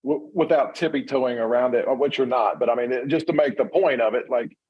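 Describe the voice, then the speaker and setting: A man's voice: medium pitch, a little fast, breathy edge, muffled recording. An American man talking as a fire service instructor in an unscripted discussion, explaining in a conversational way.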